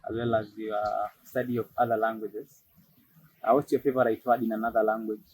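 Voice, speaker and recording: Husky-voiced male interviewer. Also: lowish voice, flat delivery, brisk, a little mellow, low-quality recording. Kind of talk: interview questions with brief acknowledgements.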